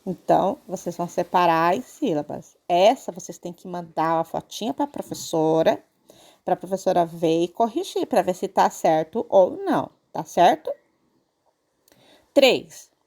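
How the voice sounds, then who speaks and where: A woman's voice: fairly low pitch, animated, measured pace, darkish tone. A woman teacher with a Brazilian accent, patiently explaining a grammar lesson to children and checking in often. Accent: Brazilian Portuguese. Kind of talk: online Portuguese lesson for children.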